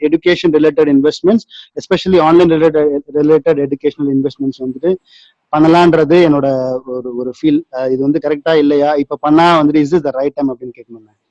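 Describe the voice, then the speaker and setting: Rapid, hesitant man on a dull call line. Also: fairly high pitch, steady tone, a little mellow, no room sound. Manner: hesitant, repeats words, mixes Tamil and English. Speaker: meeting participant asking a question. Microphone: video call.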